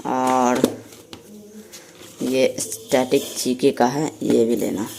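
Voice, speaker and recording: A man's voice: medium pitch, level tone, extremely slow, vocal fry, background noise. A young man chatting casually through a vlog while walking his dog and studying, often repeating words as he calls the dog along. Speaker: vlogger. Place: outdoors on wet streets and at home.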